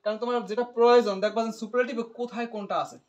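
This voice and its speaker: A man's voice: very high-pitched, little pitch movement, very fast, darkish tone. A man tutoring English grammar, asking questions and repeating the student's answers, explaining step by step. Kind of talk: English grammar lesson with call-and-response.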